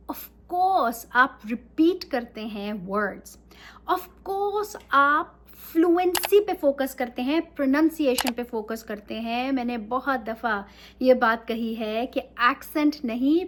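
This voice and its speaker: A woman's voice: sits high, animated, slow pace, fairly bright tone, a little hiss or hum. A woman teaching English in a casual talk, mixing Urdu and English and often checking in with her listeners.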